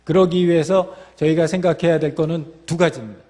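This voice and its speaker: Male lecturer, explanatory, a bit high, echoing lecture hall. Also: fairly even intonation, brisk, dark tone. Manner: explanatory, with fillers and restarts. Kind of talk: lecture talk. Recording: long reverb of a hall.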